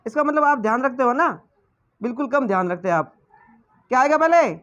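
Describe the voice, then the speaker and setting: A man's voice: very high-pitched, animated, fairly quick, a bit bright, highs cut off. A male teacher giving a lesson, quizzing the class with repeated questions and then answering them himself. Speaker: English teacher.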